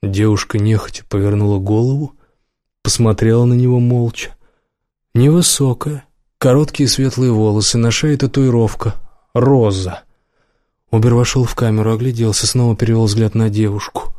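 Mellow-voiced male audiobook narrator. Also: medium pitch, no echo, studio quality. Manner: even, measured storytelling.

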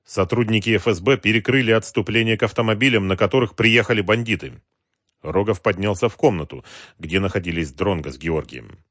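Lowish male audiobook narrator. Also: fairly quick, fairly bright tone, no room sound, studio quality.

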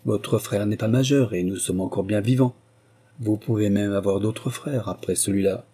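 A man as a gentle scholarly prince father. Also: moderate pace, breathy edge. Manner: gentle, low-voiced.

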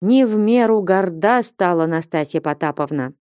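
A shy, downcast young village man from a storybook mutters his answers low and reluctantly, as a woman reader drops her voice for him. He sighs and holds back. The sound is close and dry. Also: expressive, normal speed, mellow, no room sound, close to an everyday voice. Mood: glum.

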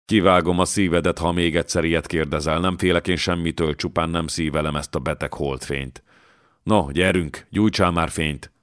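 Deep-voiced guy doing a gruff proud young fighter, curt, dry close sound. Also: fairly even intonation, no room sound, close to an everyday voice. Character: young warrior, proud and shaken.

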